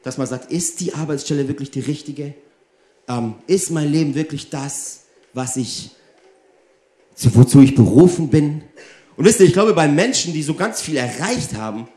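A man delivers a lively sermon in a voice pitched a little high, turning to his listeners again and again with rhetorical questions. The sound rings around a reverberant room. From Germany. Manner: animated, addresses the audience directly with rhetorical questions. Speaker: preacher.

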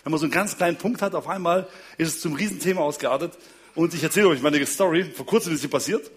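High-voiced man telling funny family stories. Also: quick pace. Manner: keeps checking in with listeners, chuckles often; family man telling anecdotes about wife and kids. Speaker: speaker on marriage and relationships. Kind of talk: humorous storytelling talk to an audience.

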